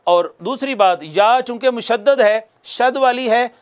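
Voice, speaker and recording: Slow, clear-voiced male recitation teacher. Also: extremely high pitch. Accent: Pakistani Urdu. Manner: slow, drawn-out chanted recitation of demonstration words; patient, corrective teaching, repeating examples. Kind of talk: recitation lesson with call-and-repeat.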